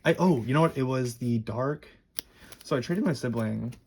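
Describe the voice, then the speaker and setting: A young man with a lisp and a husky, creaky voice, rambling and halting through a casual, sweary show-and-tell. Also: medium pitch, a little hiss or hum. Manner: rambling, halting, enthusiastic wording. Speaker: card collector presenting a collection.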